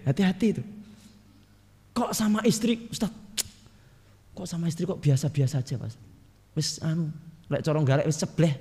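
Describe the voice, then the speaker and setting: A male preacher with a Javanese accent giving a lively, joking religious lecture, often putting questions to his audience. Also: high voice, long reverb tail. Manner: jokey, engages audience with direct questions.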